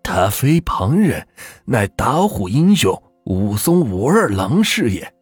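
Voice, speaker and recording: A man voicing a cheerful, eerie old morgue keeper gone mad, in a folk ghost story, with a husky, theatrical storyteller's cadence. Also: mid-range voice, very animated, slow, no echo, faint music behind, exaggerated voice. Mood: eerily cheerful.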